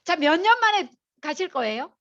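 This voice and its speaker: Animated high-voiced woman lecturing. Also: normal speed, vocal fry, muffled recording. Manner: animated, chatty storytelling, addresses the audience directly. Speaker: lecturer at a sales seminar. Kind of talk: lively motivational lecture. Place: lecture hall with an audience.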